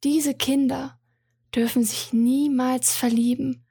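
A woman's voice: high voice, steady tone, takes it slowly, warm tone, slightly rough, no echo, studio quality, exaggerated voice. A woman voicing a young, loyal female confidante and trained fighter, speaking earnestly and pleadingly in a storybook reading.

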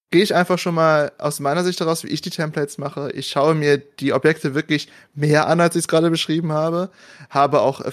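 Man, slightly high voice, casual panel moderator, joking, self-deprecating.

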